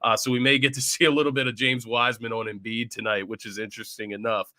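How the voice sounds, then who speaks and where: A man hosts a casual pregame sports show with a bright, forceful voice that is audibly congested. He talks in a loose, chatty way and keeps checking in with his listeners. The sound is close and dry, with no room around it. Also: medium pitch, little pitch movement, fast, dry recording. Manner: chatty, often tags lines with "right?". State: congested from illness. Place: at home.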